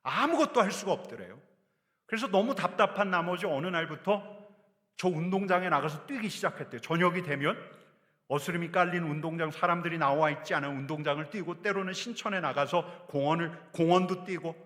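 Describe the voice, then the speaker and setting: A man's voice: on the high side, fairly quick, fairly bright tone. A man preaching a sermon as a pastor, speaking animatedly and addressing the congregation directly. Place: church sanctuary. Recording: long church hall reverb.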